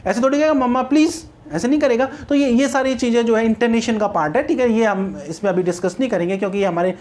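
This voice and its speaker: A man's voice: extremely high pitch, fast talker, a little mellow. Indian man teaching phonetics patiently. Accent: Indian English. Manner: explains patiently with checking asides and repetition. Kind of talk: exam-prep lecture in Hindi mixed with English.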